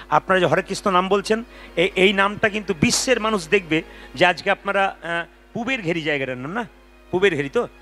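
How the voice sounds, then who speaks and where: A man leading a devotional kirtan at a live gathering. He sings, then talks to the crowd and urges them to chant louder. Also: sits high. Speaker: kirtan lead singer. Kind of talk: devotional singing and exhorting the audience.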